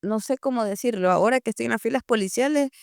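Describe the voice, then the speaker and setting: A young Ecuadorian woman tells her testimony on a podcast, bringing the story to life by acting out the voices of her family. Her voice has a gravelly edge. The sound is dry and close on a studio mic. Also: a little high, quick pace, darkish tone, no echo. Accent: Ecuadorian Spanish. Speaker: guest giving a testimony.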